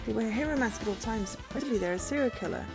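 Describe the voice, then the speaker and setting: A woman's voice: a little high, very fast. A woman reading game dialogue aloud and adding casual commentary during a playthrough. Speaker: gamer playing a visual novel. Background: game music.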